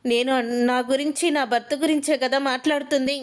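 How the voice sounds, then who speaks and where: A brazen, defiant young wife with a high voice, read by a woman telling the story. She taunts and shows no shame. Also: steady tone, brisk, close to an everyday voice. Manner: taunting, unashamed.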